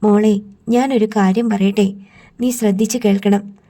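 A woman's voice: mid-range voice, fairly even intonation, a little slow, dark tone, close to an everyday voice. A woman reading an audiobook, voicing a strict, protective grandmother who scolds and insists. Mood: stern.

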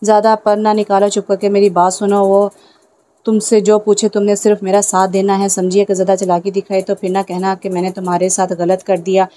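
A woman's voice: medium pitch, flat delivery, brisk, warm tone, a little hiss or hum, close to an everyday voice. A woman reading the lines of an arrogant, sarcastic young man in an audio novel. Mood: threatening. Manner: threatening, sarcastic.

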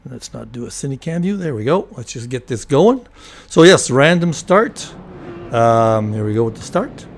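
An older man commentating a racing replay at an everyday mid pitch, his slightly hoarse voice cracking now and then as he clears his throat. He talks loosely and rambles, with plenty of ums and restarts. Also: normal speed, slight background noise. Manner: relaxed, rambling, many fillers and restarts. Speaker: host of a sim racing replay show. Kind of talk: casual race replay commentary.

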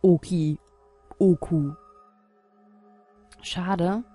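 A woman's voice: lowish voice, steady tone, very slow, warm tone, slightly rough, soft background music. A woman commenting casually on her gameplay, muttering and puzzling aloud as she thinks. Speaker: let's play host.

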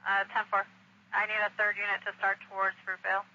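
An American male police dispatcher talks over muffled scanner radio in a high-pitched monotone. His procedural delivery is clipped and fairly quick.

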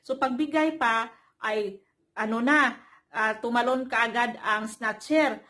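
Chatty high-voiced woman telling a story. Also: slow. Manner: chatty, laughs often, addresses viewers as guys. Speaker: vlogger. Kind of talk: casual storytelling. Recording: loud background noise.

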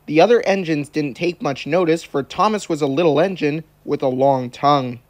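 A man narrating a children's story in a gentle, measured storybook style. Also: on the high side.

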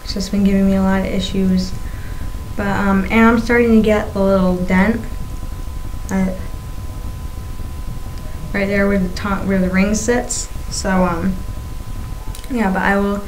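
A young woman gives a casual vlog update in an unhurried way. Her words come out lisped and thick, as she works around a fresh tongue piercing. The webcam recording in a small room carries some background noise. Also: medium pitch, steady tone, poor audio. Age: young adult. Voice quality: lisping, thick-tongued speech from a swollen, newly pierced tongue. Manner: halting, labored articulation. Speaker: video blogger. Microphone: webcam at arm's length. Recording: faint-to-clear noise on webcam audio.

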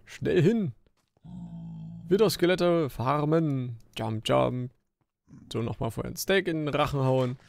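Gravelly man chatting over gameplay. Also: medium pitch, slow pace, long pauses, soft background music. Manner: chatty, grumbling and joking at the game; jumpy bursts of excitement while fighting. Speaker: Let's Play host. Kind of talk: casual gameplay commentary.

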